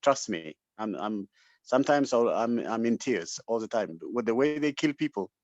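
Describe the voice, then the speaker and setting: Speaking through an online call mic in dull, lo-fi webinar audio with no echo, an Ethiopian-accented man delivers an unscripted motivational address with passion. His medium-pitched, darkish voice is expressive and moves at normal speed, and he urges listeners emphatically, repeating points to stress them.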